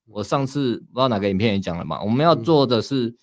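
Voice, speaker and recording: A man's voice: mid-range voice, lively intonation, fast, dry recording, clean studio sound. A man with a Taiwanese Mandarin accent, coaching in a casual chat, talking bluntly and sternly. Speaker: dating coach.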